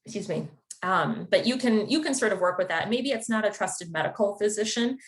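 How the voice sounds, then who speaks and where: A woman's voice: medium pitch, animated, a little fast. A woman from the Chicago area, a therapist, giving an informative webinar talk in a conversational, explanatory way. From Chicago area, United States. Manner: conversational and explanatory, with occasional fillers. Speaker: therapist presenting a wellness webinar.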